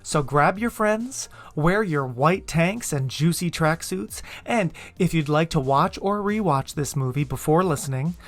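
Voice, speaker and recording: A man's voice: fairly high pitch, lively intonation, a little slow, few pauses. Campy American male podcast host. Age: 30s. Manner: playful, campy. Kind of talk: upbeat podcast intro and casual chat.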